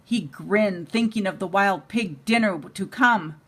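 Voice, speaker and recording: Her voice is mid-range with a breathy edge. She's an older woman, a grandmother, reading a child a bedtime story in an unhurried, expressive manner.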